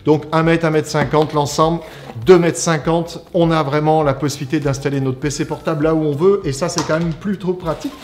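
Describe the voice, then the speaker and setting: A man's voice: a little high, steady tone, brisk, darkish tone, a little hiss or hum. Chatty man unboxing a laptop. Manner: chatty, explanatory, frequent "alors" and "on va dire". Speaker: IT company presenter. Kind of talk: casual unboxing product review.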